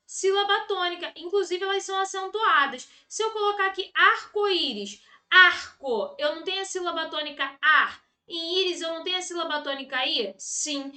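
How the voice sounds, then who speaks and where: A woman's voice: extremely high pitch, sharp tone. A Brazilian woman teaching an exam-prep grammar lesson, repeating key words and checking in with her students.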